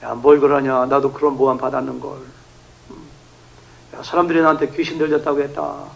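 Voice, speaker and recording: A man's voice: medium pitch, little pitch movement, a little fast, vocal fry, voice pushed down, close to an everyday voice. A man voicing God as a fatherly figure who casually scolds a wronged believer and tells him to forgive. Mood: gently chiding.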